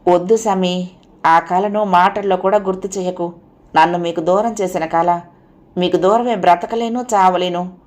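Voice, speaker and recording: A woman voicing a frightened, devoted family man shaken by a nightmare, pleading and agitated, her voice raised and louder. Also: lowish voice, steady tone, moderate pace, natural voice. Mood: fearful, pleading.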